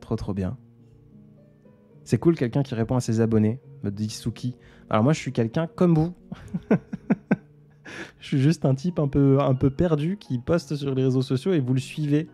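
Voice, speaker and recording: A young man hosting a casual livestream, speaking softly, laughing often and reading out viewers' comments. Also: medium pitch, normal speed, long pauses, soft background music. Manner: soft-spoken, laughs often, reads out comments. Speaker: livestream host.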